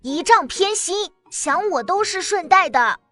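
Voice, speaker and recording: A woman voicing a cheeky little boy in an animated drama, who talks in a chatty, blunt, childlike way. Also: very high voice, measured pace, soft background music, exaggerated voice. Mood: chirpy. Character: small cheeky boy about to start kindergarten.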